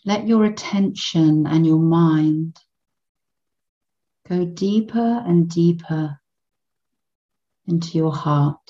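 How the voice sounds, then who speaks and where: A meditation guide leads children through a meditation in a gentle, soothing way, speaking measured phrases separated by long pauses. Her voice is on the low side and the recording is muffled.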